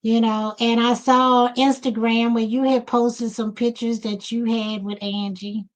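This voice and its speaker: A woman's voice: fairly high pitch, little pitch movement, measured pace. A woman hosting a podcast interview in a loose, casual way, leaning on "you know" fillers, speaking over a video call. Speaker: podcast host.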